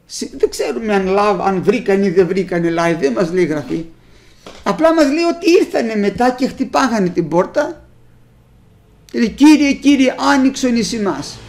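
Preacher, sermon delivery, rough gravelly texture, mid pitch; reads scripture then explains it to the congregation. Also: expressive, darkish tone. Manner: reads old scripture aloud and explains it plainly; speaks directly to the congregation as brothers. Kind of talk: sermon with Bible readings.

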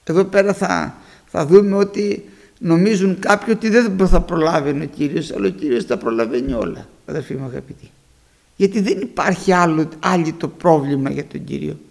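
Retelling Bible stories in a sermon, a man preaches to his congregation and brings the characters to life by performing their voices with animated storytelling. His voice is creaky and on the high side.

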